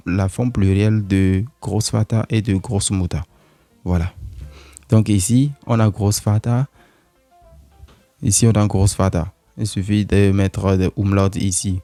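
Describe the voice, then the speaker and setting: Male language teacher, low mellow voice, unhurried, repetitive, faint music under a dry recording. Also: steady tone, no room sound. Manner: slow, repetitive, with many fillers. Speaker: German teacher. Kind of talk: online German lesson explained in French.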